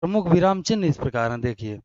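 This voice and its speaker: Male online teacher, smooth high voice, dry close lo-fi sound, self-answering questions. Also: animated, fast talker, darkish tone, no room sound. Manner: explains step by step, asks questions and answers them himself; frequent checks of "right?" with listeners. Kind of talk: online grammar lesson.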